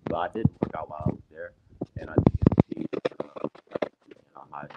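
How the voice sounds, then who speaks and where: A young man in his late teens answering interview questions remotely, soft-spoken with many fillers, his audio cutting out and his volume jumping up and down. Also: a bass voice, flat delivery, normal speed, highs cut off, heavy background noise. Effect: audio cutting out with uneven volume. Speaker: basketball recruit being interviewed. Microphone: hand over the phone speaker, fading off mic.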